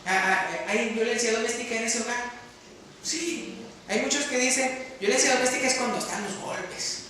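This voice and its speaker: A man from Mexico preaches a sermon in a high, bright voice. He talks emphatically, putting questions to his listeners and answering them himself. He is recorded from a distance in a strongly echoing church hall. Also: moderate pace, a little hiss or hum. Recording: very echoey hall, mic far off.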